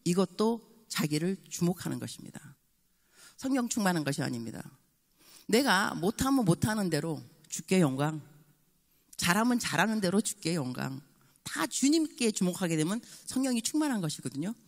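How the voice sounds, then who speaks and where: A woman in her sixties preaching a revival sermon as a guest pastor, lively and acting out little dialogues. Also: on the low side, moderate pace, in a large hall. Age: 60s. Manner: animated, mixes in English phrases and acts out dialogue. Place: church sanctuary.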